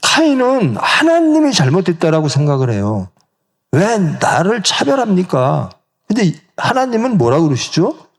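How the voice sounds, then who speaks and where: A male pastor in middle age delivers a sermon in a church. His voice is somewhat high for a man, with a gravelly edge and a very lively, rising-and-falling pitch. He keeps asking the congregation questions and slips into the quoted voices himself. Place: church sanctuary.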